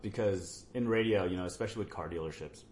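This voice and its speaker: Low-voiced voice-over guy rambling casually, trails off quiet, little hiss behind. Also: fast. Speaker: voice-over artist. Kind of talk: casual podcast chat.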